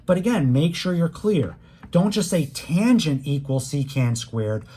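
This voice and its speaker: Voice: medium pitch, lively intonation, a little slow, dark tone, slightly rough. A math instructor giving a recorded calculus lecture, walking through each step patiently and talking straight to the students. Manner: patient step-by-step explaining, leaning on key words; plain conversational teaching, speaks straight to students.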